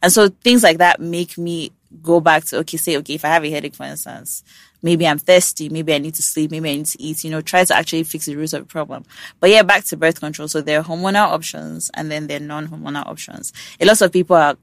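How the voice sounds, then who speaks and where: Woman, podcast host; frank, salty, low-pitched, dry booth sound. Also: fairly even intonation, quick pace, gravelly, dry recording. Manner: frank, blunt and swears freely. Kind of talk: casual podcast chat.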